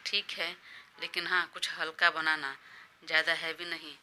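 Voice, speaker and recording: A woman's voice: low voice, little pitch movement, normal speed, bright, forceful tone. A woman reading a storybook part, voicing an indulgent male boss who gives in easily but keeps his own plans firm. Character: smooth-talking male boss, indulgent, busy.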